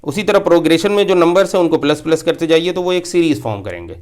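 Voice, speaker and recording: Speaking fast and expressively in a slightly raised, a little mellow voice close to the mic, a maths teacher gives a classroom lecture. He goes step by step, returns to key points to repeat them, and drops in English terms.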